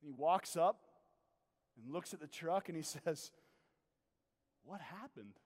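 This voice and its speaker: A man preaching a sermon, telling a story with animated energy and then asking quiet, earnest questions. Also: fairly high pitch, unhurried. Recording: long hall reverb.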